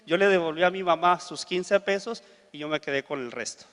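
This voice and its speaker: A man's voice: a little high, brisk, in a large hall. A man preaching a sermon, telling a story and acting out each person's lines. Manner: animated storyteller acting out dialogue.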